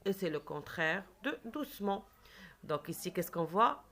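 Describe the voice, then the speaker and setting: A woman teacher leading a reading lesson for children, speaking slowly and clearly and stretching out words. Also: lowish voice. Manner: slow, clear, lively teacher voice, drawing out words.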